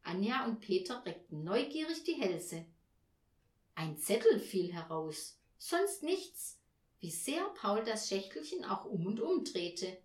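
A woman reading a children's story aloud in an expressive storytelling manner, recorded in an echoey room. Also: mid-range voice, unhurried. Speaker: reader.

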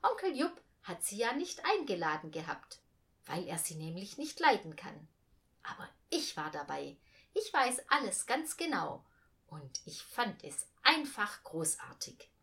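A woman reading a children's story aloud in an expressive storytelling manner. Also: medium pitch, measured pace.

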